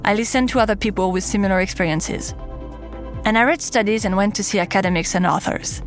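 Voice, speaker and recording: A woman's voice: mid-range voice, fairly quick, faint music behind. A woman in her thirties with a French accent, host of a podcast, telling her own story in candid scripted narration. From France. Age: 30s.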